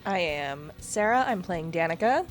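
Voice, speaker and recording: A woman's voice: on the low side, expressive, moderate pace, faint music behind. A woman playing in a tabletop game, with dry, sarcastic remarks. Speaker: player. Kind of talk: casual play.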